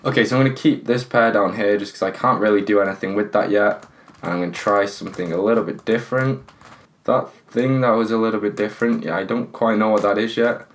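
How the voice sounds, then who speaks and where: This is a man with a lowish, fairly even voice who talks fast while solving a puzzle on his own channel. He thinks aloud, counts pieces, and pleads with the stiff puzzle in an exasperated way, keeping things casual.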